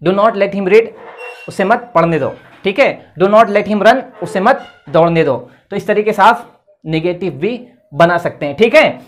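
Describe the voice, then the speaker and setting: A man's voice: high voice, takes it slowly. Patient male English teacher, tinged. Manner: repeats "theek hai" often, explains patiently. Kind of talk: classroom lesson at a board.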